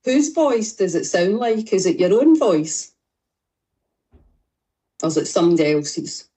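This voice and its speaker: Brief: Scottish woman coach, lowish mellow voice, straight-talking and reassuring on a video call. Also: big pitch swings, unhurried, slightly rough. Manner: direct, reassuring, guiding exercises. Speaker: fitness and mindset coach. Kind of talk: group coaching session.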